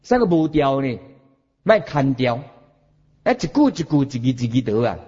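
A man with a Taiwanese accent giving a Buddhist sermon, animated, chanting examples and questioning his listeners. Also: mid-range voice, moderate pace, breathy edge, muffled recording. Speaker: Buddhist teacher.

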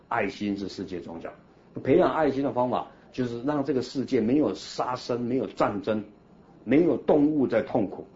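A man, a Buddhist monk, teaching a class in an animated, coaxing way and leading the group in slow chanting. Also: mid-range voice. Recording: dull lo-fi recording with faint hiss.

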